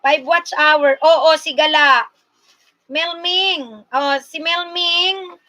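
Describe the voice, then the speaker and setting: A woman from Bicol in the Philippines hosting a casual livestream, slowly coaxing her viewers and talking to them directly. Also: sits high, bright, forceful tone. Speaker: livestream host.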